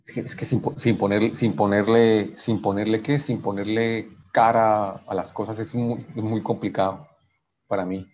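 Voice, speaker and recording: A man's voice: lowish voice, level tone, normal speed, darkish tone, dull audio, slight background noise. A man teaching an engineering class online, working through equations step by step and checking in with "right?" after each step, often restarting his sentences. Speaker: engineering professor.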